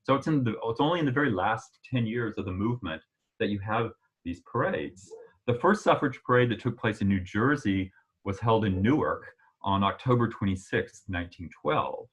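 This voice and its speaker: This illustrated history lecture comes from a man with a breathy edge to his voice, talking at normal speed in a relaxed, conversational tone. He says "uh" a lot and jumps sharply in pitch to stress points.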